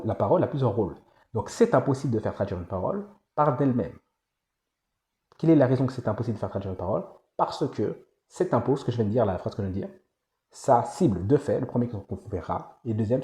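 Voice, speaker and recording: A man's voice: lowish voice, dark tone, reverberant. A man giving a casual, rambling monologue to the viewer for an online course, often repeating himself and restarting phrases.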